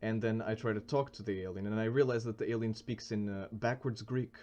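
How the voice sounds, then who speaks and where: Low-voiced man rambling through a story. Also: steady tone, brisk, warm tone. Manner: rambling storytelling with many fillers and laughs. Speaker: podcast co-host. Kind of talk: casual chat.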